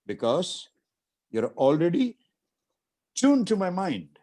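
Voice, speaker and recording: A man's voice: high-pitched, big pitch swings, slow pace, mellow. A middle-aged man from India guiding a guest through exercises in an interview, commanding and coaxing, repeating short instructions. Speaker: martial arts master guiding an interview demonstration. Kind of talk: instructing over a video call.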